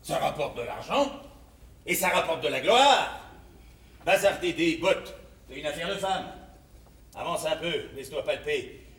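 An actor playing a swaggering army recruiter who goads and taunts, in theatrical stage style. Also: male voice, a little high, lively intonation, measured pace, pauses often, a bit bright. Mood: taunting, swaggering. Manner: goading, swaggering. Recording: echoey theatre, distant mic, faint noise.

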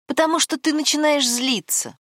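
A woman voicing a worried young woman who gently but persistently presses her partner, in an audiobook. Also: high voice, fairly even intonation, normal speed, no echo, clean studio sound, voice pushed up. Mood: earnest.

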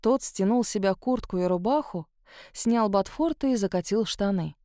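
A woman reading a first-person story as an audiobook narrator, in a soft, intimate, confessional manner. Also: mid-range voice, moderate pace, dry recording, studio quality.

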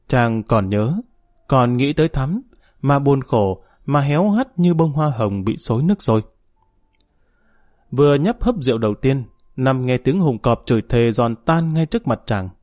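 Guy reading a story audiobook, mid voice, calm even pace, dry sound. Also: mid-range voice, dry recording. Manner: steady, measured storytelling. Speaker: narrator. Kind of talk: audiobook narration.

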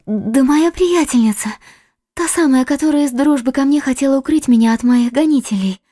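A woman's voice: sits high, normal speed, no room sound, studio quality, close to an everyday voice. A woman playing a fragile young beloved. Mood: earnest. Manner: soft, breathy, fading. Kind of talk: audiobook character voice.

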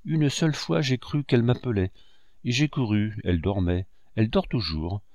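A man giving voice to a devoted old servant woman in an audiobook tale, her lines lifted slightly above his own low register in an anxious, urgent delivery. The recording is dry and close. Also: normal speed, a little mellow, no echo, close to an everyday voice. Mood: worried.

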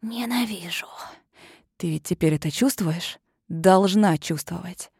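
A woman's voice: fairly low pitch, measured pace, a little mellow, slightly rough, no echo, clean studio sound, heavily acted. A woman reading an audiobook, voicing a menacing male kidnapper who is a serpent monster in disguise, with sinister hissing whispers.

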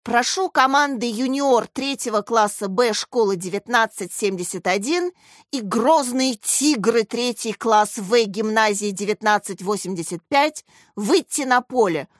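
A woman's voice: fairly high pitch, measured pace, no echo, lightly acted. Woman reader voicing a male referee-teacher, formal announcing, dry close sound. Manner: loud, announcing.

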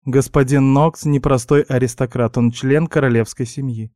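A man doing a calm woman healer. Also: mid-range voice, normal speed, no echo, clean studio sound, voice pushed up, close to an everyday voice. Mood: reassuring. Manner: composed, reassuring, matter-of-fact. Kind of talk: audiobook character voice.

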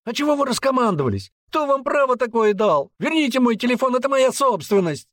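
A man voicing a defiant young male blogger who shouts in a shrill, indignant voice. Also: sing-song, moderate pace, no echo, clean studio sound. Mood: hysterical.

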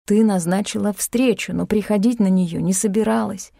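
Woman narrator voicing a nervous, pleading middle-aged man, mellow and rough. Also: medium pitch, no echo, studio quality. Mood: shaken. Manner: shaken, halting, pleading.

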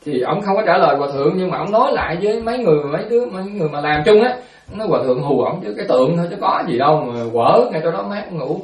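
A Buddhist monk giving a storytelling dharma talk. He speaks in an animated way, repeats words and acts out quotes. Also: fairly high pitch, rapid-fire, reverberant, far from the mic.

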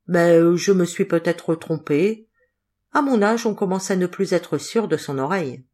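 A woman doing a stern old man, over 60, scowling and suspicious, gruff, insistent, audiobook. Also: on the low side, lively intonation, moderate pace, a little mellow.

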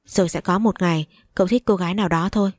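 A woman's voice: lowish voice, steady tone, quick pace, darkish tone, dry recording, clean studio sound, close to an everyday voice. A woman reading as a polite, loyal male aide. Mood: deferential. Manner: deferential.

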